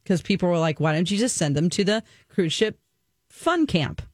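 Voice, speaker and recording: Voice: mid-range voice, expressive, normal speed, no echo, studio quality. Chatty radio co-host reading a post. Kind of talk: casual radio talk, reading a listener post.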